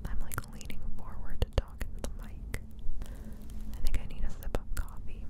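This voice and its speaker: A woman whispering softly and close into a binaural mic, moving from ear to ear in a rambling, hesitant, self-deprecating ASMR chat. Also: moderate pace. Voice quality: soft unvoiced whisper. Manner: whispers close, shifting from one ear to the other. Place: indoors on a couch. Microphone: close binaural microphone.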